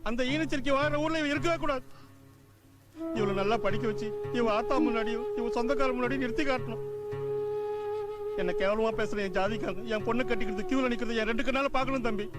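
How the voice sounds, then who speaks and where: A man's voice: very high voice, fast. An actor playing a proud middle-aged village father, pleading earnestly. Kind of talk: dubbed film acting. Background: loud film music.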